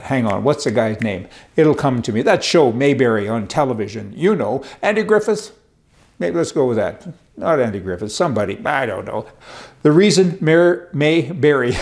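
With a medium-pitched, darkish voice, an older man fronts a political commentary show, reading off papers and chatting sarcastically to camera. He sits in a studio against a wooden backdrop.

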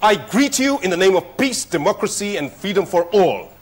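A middle-aged man hosting a TV quiz show, speaking in a formal, measured way with clear diction. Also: sits high, big pitch swings. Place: TV studio set. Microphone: lapel mic.

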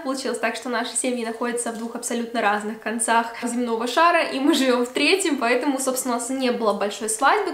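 A woman's voice: a little high, echoey room. A woman of twenty-five from Belarus, talking casually to camera in a Q&A vlog at home, full of fillers. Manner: chatty, many fillers. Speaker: beauty vlogger. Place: room at home by a Christmas tree.

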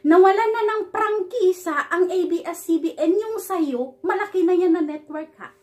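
A woman's voice: extremely high pitch, moderate pace, a little mellow. A woman from the Philippines vlogging a reaction, scolding and mocking with sarcasm, often stumbling and repeating words. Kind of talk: ranting reaction vlog.

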